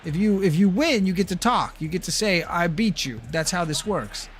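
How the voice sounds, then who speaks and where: A man's voice: high voice, expressive, normal speed, faint music behind. A man streaming a video game and chatting casually, ranting bluntly and swearing. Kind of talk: casual livestream chat while gaming.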